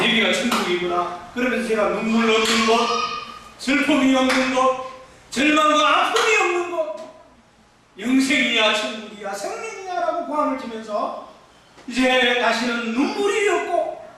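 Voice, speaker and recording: A male pastor giving a fervent revival-meeting testimony, shouting out exclamations. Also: very high-pitched, slight background noise. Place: church hall. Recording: echoey church hall, from far off.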